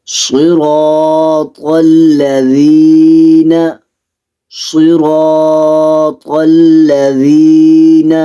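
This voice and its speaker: A man with a Pakistani Urdu accent teaching Quran recitation, explaining pronunciation rules quickly and then reciting the verses slowly and melodically. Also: medium pitch, mellow, muffled recording. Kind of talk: recitation lesson.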